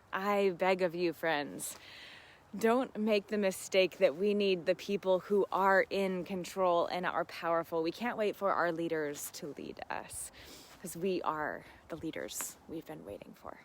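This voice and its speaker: Speaking at a measured pace in a lowish voice, a woman hosts a casual live Q and A. She talks to listeners as friends, reflective and sincere, often laughing as she goes.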